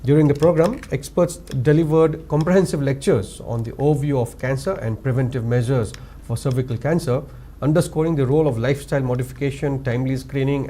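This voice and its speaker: A male news anchor with a Manipuri English accent, reading scripted headlines in a formal, measured way. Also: medium pitch, warm tone, a little hiss or hum. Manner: formal, measured, lifts each story opening.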